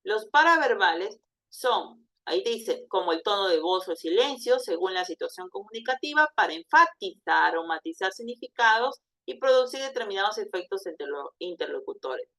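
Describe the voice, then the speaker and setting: A woman teaching an exam prep lesson, lively and demonstrative, often checking in with "¿ya?". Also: medium pitch, moderate pace.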